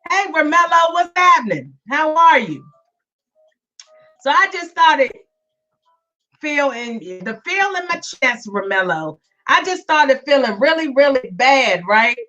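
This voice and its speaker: Still weak from illness, this woman runs a live podcast of her own, greeting listeners by name and repeating herself in casual chat. Her high voice is sing-song, measured in pace, and pushed and bright. The audio is dull and lo-fi, captured from a little distance.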